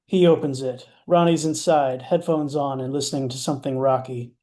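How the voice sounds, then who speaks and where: Man with a dark, mellow narrating voice. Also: mid-range voice, steady tone, normal speed. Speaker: narrator reading stage directions. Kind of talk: scripted narration.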